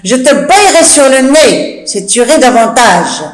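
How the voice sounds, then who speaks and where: A teacher reading aloud as a pompous, irritable rich man scolding his maid, in a slow, echoey room. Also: sits high, very animated. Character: pompous, irritable rich middle-aged man, master of the house. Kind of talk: classroom reading of a classic comedy.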